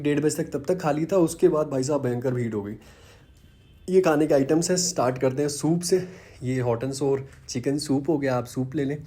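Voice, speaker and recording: Chatty man with a mellow voice. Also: a little high. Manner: chatty, peppers speech with "bhai sahab"; mixes English phrases into Hindi. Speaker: vlogger. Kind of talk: casual vlog walkthrough narration.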